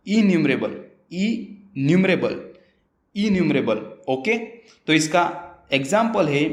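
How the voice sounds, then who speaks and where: A man with an Indian accent, his voice a little higher than most men's, teaches English words one by one. He reads each example sentence slowly and with care. The room is echoey. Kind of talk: vocabulary lesson.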